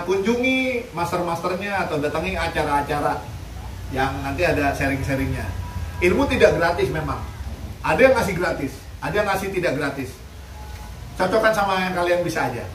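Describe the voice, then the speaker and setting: Blunt joking man, roomy distant sound. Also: on the high side. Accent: Indonesian. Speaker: dog rescue activist. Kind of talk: casual chat giving dog training tips. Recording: roomy, distant mic, faint noise.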